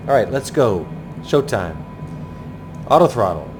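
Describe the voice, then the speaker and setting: Guy talking himself thru a plane landing, short pilot lingo, thinking out loud, music behind him. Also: fairly low pitch, very animated, a little slow. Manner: thinks aloud in clipped aviation jargon. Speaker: flight simulator pilot narrating. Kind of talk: running commentary on a flight approach.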